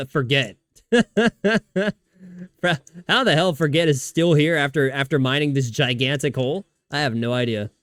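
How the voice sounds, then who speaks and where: A man's voice: a little high, clean tone, no echo. A man streaming a video game, chatting casually with viewers in a rambling way, swearing often and restarting his sentences. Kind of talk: casual livestream chat while gaming.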